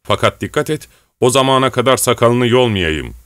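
A man voices a rough, brawling rebel with a scornful mood, pitching his natural voice above his own usual range. The mid-range delivery is expressive, a bit bright, and moderately paced, in clean studio sound with no room sound.

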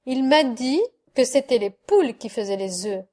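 A woman's voice: on the high side, expressive, normal speed, warm tone, close to an everyday voice. A woman reading as a small, curious and chatty boy who asks eager questions.

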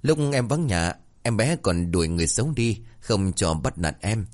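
A man's voice: deep voice, big pitch swings, normal speed, a little mellow. A man voicing a grown man with a child's mind, who talks in a childish, pouting way. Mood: sulky.

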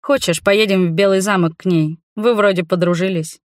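A woman reading the lines of a gentle, calm adult husband in a storybook. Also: medium pitch, no echo, clean studio sound, close to an everyday voice. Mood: calm tender. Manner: calm, tender, slow.

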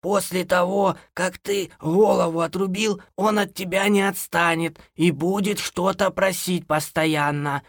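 A man reading an audiobook, voicing a bossy old grandmother who scolds in a loud, folksy way. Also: high voice, fairly even intonation, a little slow, hardly any pauses, dry recording, clean studio sound, pitched above the performer's own voice. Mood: scolding. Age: older. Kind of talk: audiobook character voice.

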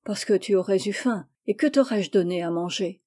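A woman reading the lines of a brave, guileless young Native man, speaking plainly with a gentle tease. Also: mid-range voice, normal speed, natural voice. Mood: teasing.

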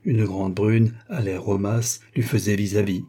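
A man narrating a classic novel as an audiobook in a measured, literary way. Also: on the low side, steady tone, mellow, husky.

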